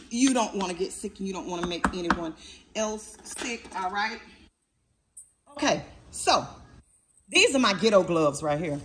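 A woman's voice: medium pitch, slight background noise. A middle-aged woman hosting a casual cooking demonstration in her home kitchen, chatty and emphatic, often checking in with her viewers.

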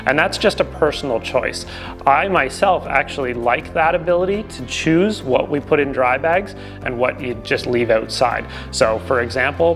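A man in his forties standing indoors at a table, giving a relaxed product review to the camera with frequent ums and uhs. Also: a little high. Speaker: gear reviewer.

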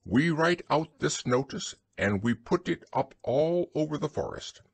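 A man's voice: fairly high pitch, expressive, a little slow, gravelly, husky, no echo, pitched above the performer's own voice, exaggerated voice. A man voicing a pompous, self-important owl in a storybook, speaking formally in long words. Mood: loud, insistent. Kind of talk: storybook character reading.

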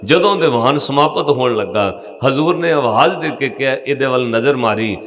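A man's voice: medium pitch, lively intonation, moderate pace, a bit bright. Punjabi preacher guy, emotional storytelling sermon, big echoey hall. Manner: emotive, addresses the congregation directly.

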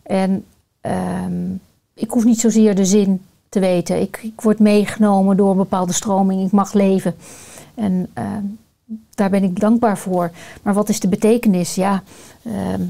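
Mellow-voiced woman coach, thoughtful and searching. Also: medium pitch, steady tone, measured pace, gravelly. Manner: thoughtful, searching for words with many fillers. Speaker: guest, coach and family constellation facilitator. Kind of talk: reflective podcast conversation.

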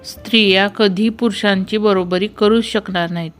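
A woman with a Marathi accent reads a string of jokes in a mid-pitched, even voice. She slips into quick voices for the characters and lets out small laughs at the punchlines. Faint music plays underneath. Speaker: joke narrator. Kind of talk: reading jokes aloud.

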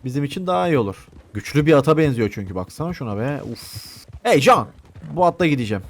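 A man's voice: mid-range voice, expressive, quick pace, darkish tone, a little hiss or hum. A man giving casual gameplay commentary, chatty and joking, swearing playfully and talking back to game characters. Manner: soothing coos to a horse. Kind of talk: casual Let's Play commentary.

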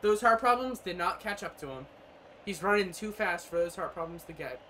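Young male gamer, profane rambling commentary, sudden yells, fairly high voice, noisy home room audio. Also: expressive, brisk. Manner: profane, rambling, bursts into loud yelling. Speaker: gaming streamer. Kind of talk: casual gameplay commentary. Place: small room indoors.

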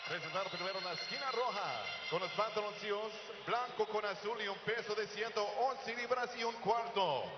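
A man announces fights in the ring in a high-pitched voice, switching between Spanish and English. He stretches names like a showy lucha libre announcer. The sound echoes through a noisy arena and is slightly dull. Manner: booming showman delivery with drawn-out names, like a lucha libre announcer. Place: boxing ring in an indoor arena. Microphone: handheld microphone.

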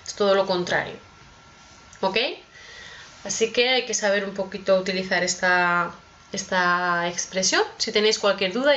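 A woman teaching a lesson on expressions, slow and patient, often checking in with her students. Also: mid-range voice, a bit bright. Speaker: Spanish teacher. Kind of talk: explaining expressions with examples. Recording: dull lo-fi audio.

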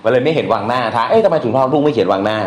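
A male teacher lectures on classic verse in a loose, colloquial manner, with crude slang mixed in. He reads poem lines aloud between explanations. His mid-pitched voice rings in an echoey room over a faint background hiss. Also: lively intonation, rapid-fire. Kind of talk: casual lecture on Thai poetry.

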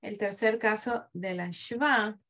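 A woman teaching Hebrew reading in a live class, slowly drawing out sounds to demonstrate them with patience. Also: mid-range voice, pushed and bright. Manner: patient, drawn-out demonstrative pronunciation. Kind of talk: slow online reading lesson. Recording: dull lo-fi audio.

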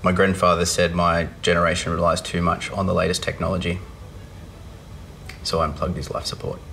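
A man's voice: low-pitched, monotone, brisk, gravelly, bright, forceful tone, slight background noise. A man in his thirties telling dad jokes, each a set-up question followed by a punchline. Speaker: joke teller in a dad-joke challenge.

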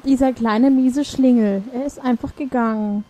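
A woman's voice: on the high side, fairly even intonation, moderate pace, mellow, poor audio. A woman giving casual gameplay commentary, reading options aloud and adding wry asides. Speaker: let's player.

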